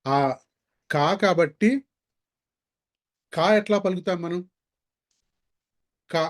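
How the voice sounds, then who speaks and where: A man leads an online language class, his voice sitting a little high. He drags out syllables and repeats words slowly so learners can copy the sounds. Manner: slow, careful demonstration of sounds. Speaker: Sanskrit teacher.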